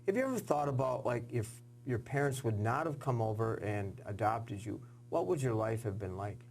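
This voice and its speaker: A man hosting a TV sports interview, asking earnest questions with halting fillers. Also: mid-range voice, expressive, vocal fry, darkish tone, slight background noise. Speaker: sports show host.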